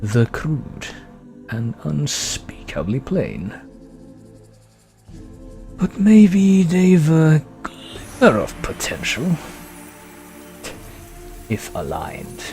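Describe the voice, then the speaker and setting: A man plays a scheming villain lion who sneers every line in a gravelly, gruff voice. He stretches each phrase out with theatrical relish, and his pitch rises and falls widely. Faint karaoke backing music plays behind him. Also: huge pitch swings, heavily acted. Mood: sneering. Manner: sung with drawn-out, theatrical delivery. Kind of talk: karaoke villain song impression.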